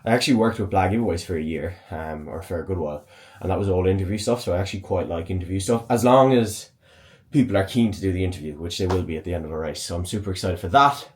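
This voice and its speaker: A man's voice: low voice, fast, no room sound. A man, talking casually and upbeat to camera as a fitness vlogger, in informal slangy language. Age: 20s. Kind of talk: casual vlog talk to camera. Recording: clear background noise, vehicle and outdoor ambience.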